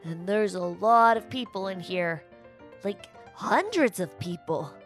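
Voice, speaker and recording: A woman's voice: medium pitch, a little slow, soft background music, close to an everyday voice. A woman voicing a curious young boy explorer in a children's audio drama, eager and full of wonder. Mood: excited.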